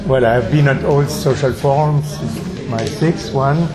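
A man from Germany whose first language is German, speaking slowly and deliberately in a group discussion. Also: medium pitch, loud music behind the voice, rough recording. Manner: slow, deliberate, with pauses.

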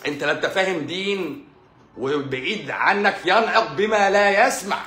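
A man's voice: high-pitched, normal speed, pushed and bright. A man with an Egyptian Arabic accent, a doctor answering viewer comments in a live-stream monologue, sarcastic and scolding, repeating phrases for emphasis. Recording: echoey room with faint music.

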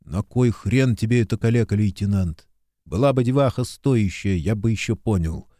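A man's voice: on the low side, normal speed, dark tone, no echo, close to an everyday voice. Brief: man doing a crude mocking corporal, cynical, dry. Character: coarse male corporal, cynical and scornful.

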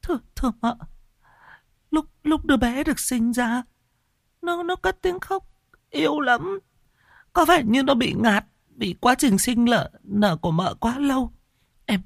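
In a clean, echo-free studio recording, a man performs a full character voice as a frightened young female servant who stammers and pleads through tears. He pitches well above his natural range, landing on a very high, gravelly, slightly bright sound.

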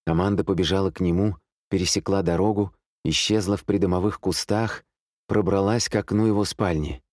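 A man narrating a thriller audiobook in a calm, measured, suspenseful manner. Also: sits low, dry recording, clean studio sound.

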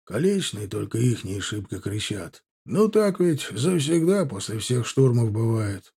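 A man's voice: mid-range voice, big pitch swings, measured pace, gravelly, dark tone, husky, full character voice. A man voicing a stoic, grumbling veteran non-commissioned officer in an audiobook, in a folksy soldier's manner. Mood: calm. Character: older male veteran NCO, gruff, stoic.

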